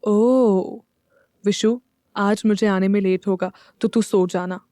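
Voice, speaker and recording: A woman's voice: mid-range voice, fairly even intonation, slow pace, dark tone, dry recording, clean studio sound, close to an everyday voice. A woman reading the lines of a young husband in an audio story, teasing and affectionate.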